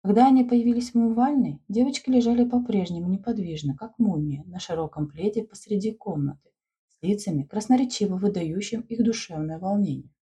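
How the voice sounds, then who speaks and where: A woman reading a story aloud in expressive storybook narration. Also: medium pitch, brisk, husky. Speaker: audiobook narrator.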